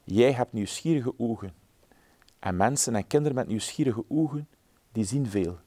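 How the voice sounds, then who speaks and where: A man voicing a wise sky-blue bird in a storybook reading, calm and gently instructive. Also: medium pitch, normal speed, no echo, close to an everyday voice.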